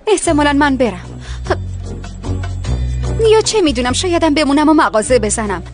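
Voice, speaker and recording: A woman voicing a sharp-tongued, hurt young heroine in a dubbed TV drama, speaking with sarcasm. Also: sits high, big pitch swings, soft background music. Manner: sarcastic, biting.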